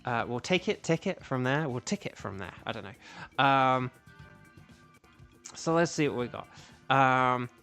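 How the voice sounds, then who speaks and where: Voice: medium pitch, animated, measured pace, pauses often, a bit bright, soft background music. A livestream host of unclear sex chatting casually and ramblingly to viewers in an echoey room. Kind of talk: casual gaming livestream chat. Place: echoey indoor room, music behind.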